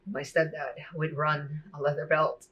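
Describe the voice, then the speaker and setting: A woman sharing a personal faith testimony in a soft-spoken, reflective way, often saying "you know" and "like.". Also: sits low, little pitch movement, a little slow, lo-fi sound.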